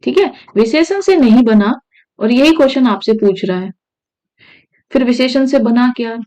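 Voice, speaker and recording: A woman's voice: fairly high pitch, expressive, normal speed, dark tone, highs cut off. A woman teaching Hindi grammar for exam prep, checking in with her students as she explains. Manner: repeats "ठीक है" often, asks students questions.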